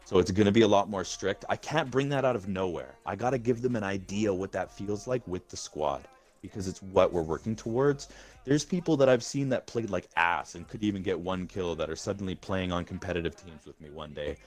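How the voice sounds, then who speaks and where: A man's voice: sits low, brisk. A man leading a gaming group in casual voice-chat talk, rambling and swearing, restarting his words often. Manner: rambling and profane, with many restarts. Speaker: gaming community leader.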